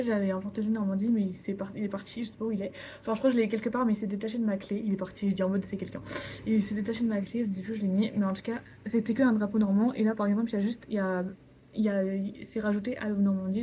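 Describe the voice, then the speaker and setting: A woman's voice: mid-range voice, mellow, a little hiss or hum, poor audio. A young woman from France chatting casually about her shopping in a vlog from her bedroom, with lots of fillers and restarts. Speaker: vlogger. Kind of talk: casual haul video.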